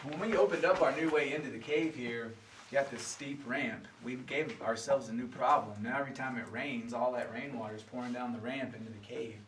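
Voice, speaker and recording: A man's voice: medium pitch, brisk, distant mic. A man leads a tour as an echoing cave guide. His talk is folksy and explanatory, aimed straight at his listeners. The voice comes from off the mic, with long cave reflections and faint noise around it. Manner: folksy, addresses listeners directly. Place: inside a large cave.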